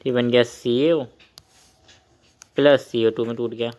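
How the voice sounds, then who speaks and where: A man's voice: mid-range voice, steady tone, measured pace, darkish tone. A young man teaching a chemistry lesson while he writes, asking the class questions and repeating key terms.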